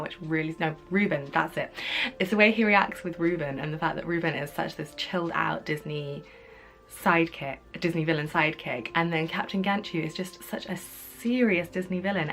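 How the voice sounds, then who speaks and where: A woman's voice: mid-range voice, a bit bright. A woman with a groggy, slightly congested voice from a cold and sore throat, chatting informally as she hosts a casual countdown vlog. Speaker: video host. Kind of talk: casual top ten list vlog.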